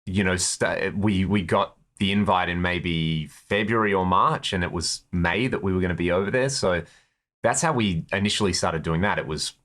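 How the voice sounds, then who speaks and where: A man from Perth, Australia, guitarist in a touring band, talks as an interview guest, sharing stories of his own experiences conversationally. His Australian-accented voice sits low, with a fairly bright tone and a moderate pace.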